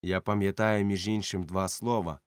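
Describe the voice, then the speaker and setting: A man's voice: low-pitched, steady tone, moderate pace, smooth, dry recording, studio quality. Man narrating an adventure audiobook. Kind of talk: audiobook narration, first person.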